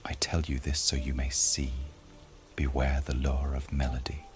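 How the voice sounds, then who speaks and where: A man voicing a haunted, cursed man who confesses in hushed, half-whispered rhyme. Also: rumbling low, completely flat delivery, moderate pace, faint music behind.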